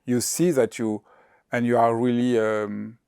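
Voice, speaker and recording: A man hosts an interview, asking questions in halting, hesitant English full of restarts. His voice sits in an ordinary middle pitch. The sound is close and dry, with no room echo. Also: flat delivery, creaky, darkish tone, clean tone. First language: French. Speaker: host.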